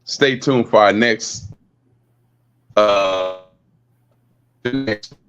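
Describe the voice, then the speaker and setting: A man presenting a lecture over an online call, talking haltingly and repeating words, while his audio keeps breaking up and cutting out. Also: lowish voice, dull audio. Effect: choppy call audio breaking up and cutting out.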